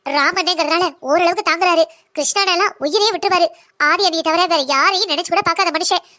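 A woman voicing a young, blunt and defiant daughter-in-law in a cartoon drama, speaking in a fast, lecturing way. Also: very high voice, sharp tone.

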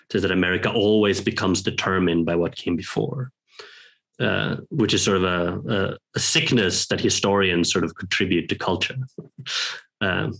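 Speaking from a bookshelf-lined room at home via video call and headphones, a Norwegian professor in his 30s gives reflective interview answers as a guest. His lowish voice is steady and a bit bright with vocal fry, and his delivery is halting and thoughtful, with many pauses and restarts.

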